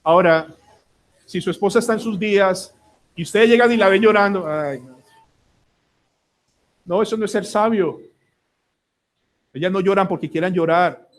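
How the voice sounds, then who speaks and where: A Colombian man preaching from the pulpit with a high voice. He is earnest and keeps putting questions to the congregation as he goes. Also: normal speed, pauses often. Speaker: pastor. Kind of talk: sermon.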